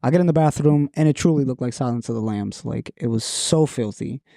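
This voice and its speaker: A young man telling a dating story in casual podcast chat, animated and quoting people along the way. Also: mid-range voice, fairly quick, gravelly, dry recording, studio quality. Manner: animated, quotes people in his story, many restarts.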